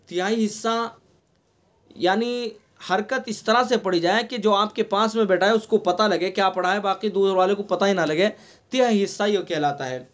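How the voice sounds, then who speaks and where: A man from India teaches an online Quran recitation class in a high-pitched voice. He repeats each term and keeps checking the students with questions. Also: a bit bright. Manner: explains slowly, repeats terms, quizzes students with questions. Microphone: online class recording.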